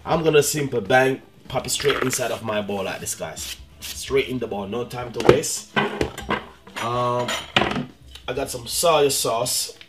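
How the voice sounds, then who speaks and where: A man's voice: medium pitch, slow pace, heavy background noise. A middle-aged man from Jamaica with a Jamaican accent, chatting casually as he demonstrates a recipe on his cooking channel and often calling out to his viewers. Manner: chatty, repeats "guys" and "you know what I mean".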